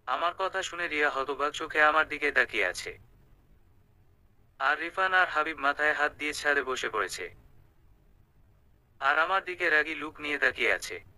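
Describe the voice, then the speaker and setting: Bright, crisp young male storyteller. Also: a little high, expressive, normal speed, long pauses, no echo, low-quality recording. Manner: conversational, colloquial storytelling. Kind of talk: first-person romantic story narration.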